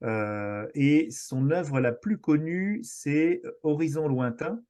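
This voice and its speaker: Hesitant French podcast guest. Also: male voice, on the high side, expressive, takes it slowly, warm tone. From France. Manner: hesitant, many fillers and restarts, enthusiastic. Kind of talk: casual podcast chat.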